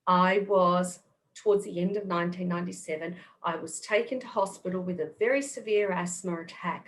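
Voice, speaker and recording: Patient Australian woman explaining. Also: mid-range voice. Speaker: guest kinesiologist. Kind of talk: podcast interview.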